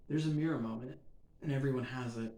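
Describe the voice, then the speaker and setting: A man hosting a podcast, delivering a reflective scripted monologue in measured, earnest short phrases that build in emphasis. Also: medium pitch, mellow. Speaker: podcast host. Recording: roomy echo.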